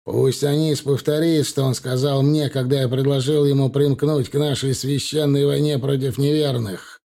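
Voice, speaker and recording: A man voicing a cruel, scornful warlord who speaks in a slow, contemptuous drawl. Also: medium pitch, fairly even intonation, gravelly, dark tone, lightly acted. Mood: cold menace. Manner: slow, drawn-out, contemptuous delivery. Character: cruel, scornful male warlord, cold and menacing.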